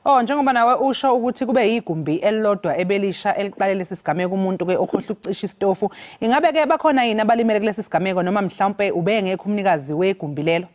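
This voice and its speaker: A woman's voice: mid-range voice, expressive, very fast, darkish tone. A woman with a Zulu accent presenting and interviewing on a broadcast morning news show.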